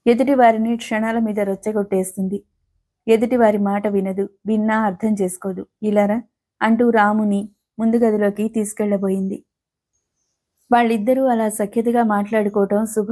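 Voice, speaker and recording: A woman reading an audio novel aloud in a steady storytelling manner. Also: mid-range voice, normal speed. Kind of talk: scripted narration.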